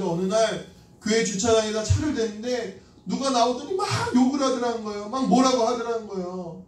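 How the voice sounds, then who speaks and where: A man's voice: high-pitched, darkish tone. A man preaching a sermon in a church. He tells stories conversationally, asks the congregation questions and acts out the lines of the people in his stories. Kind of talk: sermon with storytelling. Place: church sanctuary. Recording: echoey hall from a distant mic.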